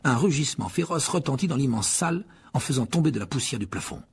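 Gravelly, husky male audiobook narrator. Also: mid-range voice, fast. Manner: expressive storytelling reading. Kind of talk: scripted narration.

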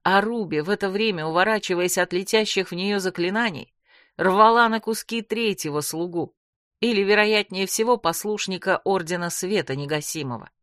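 A woman narrating a first-person fantasy audiobook with dramatic, expressive storytelling. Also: medium pitch, normal speed, no room sound, studio quality.

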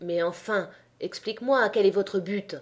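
A woman's voice: medium pitch, measured pace, lightly acted. A woman reading the part of an earnest, idealistic young male miner leader who speaks in a pleading way, in an audiobook. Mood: searching.

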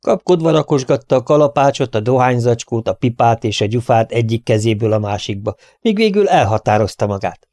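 Steady male audiobook narrator. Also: mid-range voice, no echo, studio quality. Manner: steady, measured storytelling. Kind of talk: scripted narration.

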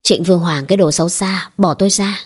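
A woman's voice: on the low side, steady tone, fast, husky. A woman reading the lines of a defiant, desperate young wife in a storybook. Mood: angry. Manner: angry, pleading.

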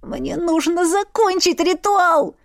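A woman's voice: very high voice, brisk, no room sound, studio quality, voice pushed up. A woman voicing a desperate young woman under a spell, pleading in a strained, tearful voice.

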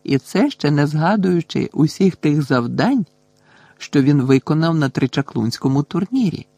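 A man reading a gentle, admiring schoolgirl. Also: fairly high pitch, expressive, moderate pace, vocal fry, no room sound.

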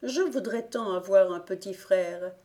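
A woman voicing an eager little girl who longs for a baby brother, speaking in an excited, pleading way. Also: medium pitch, a little slow, close to an everyday voice.

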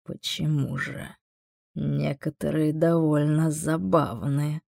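A woman voicing a calm, mocking male demon in an audiobook, speaking slowly with a gravelly edge. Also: no room sound, studio quality, full character voice. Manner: slow, low, unhurried and sardonic. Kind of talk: audiobook character voice.

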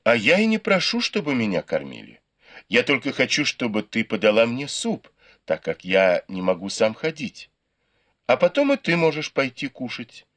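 A man's voice: medium pitch, huge pitch swings, normal speed, a bit bright. A man reading the part of a pampered, teasing young nobleman in a storybook. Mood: coaxing. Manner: coaxing, teasing.

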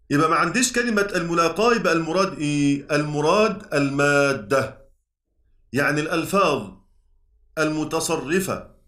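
A man with an Egyptian accent teaching a class on Quran spelling. He often checks with his students, asks them questions and recites quoted lines slowly. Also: fairly high pitch, sharp tone. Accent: Egyptian Arabic. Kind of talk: classroom lecture. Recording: roomy, voice a little far from the mic.

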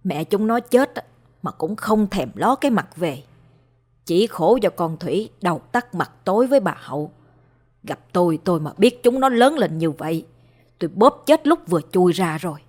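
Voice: mid-range voice, lively intonation, moderate pace, close to an everyday voice. A woman doing a blunt, scolding village cook. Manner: coarse, scolding. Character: grumbling village cook at a funeral, blunt and angry.

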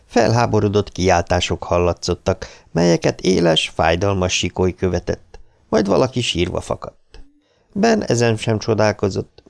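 A man reading an audiobook in an expressive, dramatic storytelling manner. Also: low-pitched, creaky. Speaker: audiobook narrator. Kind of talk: scripted narration.

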